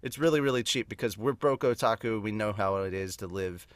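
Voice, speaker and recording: A podcast host who also dubs manga as an amateur talks to viewers casually and without a script. He's chatty, rambling, and corrects himself as he goes, speaking fairly quickly in a lowish voice with no echo.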